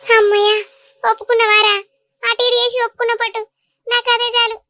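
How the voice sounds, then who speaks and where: A woman voicing a shrill, melodramatic village mother. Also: little pitch movement, brisk, bright, forceful tone, dry recording, studio quality, heavily acted. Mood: coaxing. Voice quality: high-pitched, dramatic pleading. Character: emotional village mother, older woman, doting on her son. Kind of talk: Telugu cartoon dubbing.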